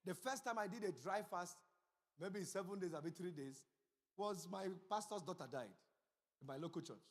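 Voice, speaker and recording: High-voiced preacher in a church hall. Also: male voice, animated, normal speed. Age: middle-aged. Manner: storytelling preacher, swings from low asides to shouted emphasis. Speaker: pastor. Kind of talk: sermon. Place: church sanctuary.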